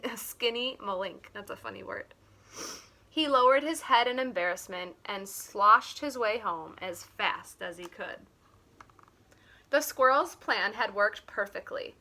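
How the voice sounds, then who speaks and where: Here a woman teacher gives an expressive read-aloud of a children's picture book. She keeps a slow, deliberate pace, sounds animated, and varies her pitch a great deal.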